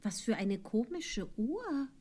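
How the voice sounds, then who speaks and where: Brief: polite curious little girl, high and lively, slow and earnest, read by a man. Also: breathy edge, exaggerated voice. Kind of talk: storybook reading.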